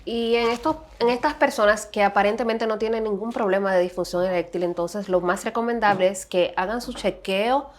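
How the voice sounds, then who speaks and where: Woman host, measured, affirming, medium-pitched, interviewing a specialist. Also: steady tone. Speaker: podcast host. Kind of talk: interview questions.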